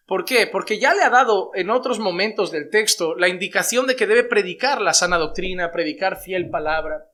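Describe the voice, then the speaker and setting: A male pastor delivers an emphatic sermon. His voice sits high and bright. He moves between forceful exhortation and quiet, intimate asides.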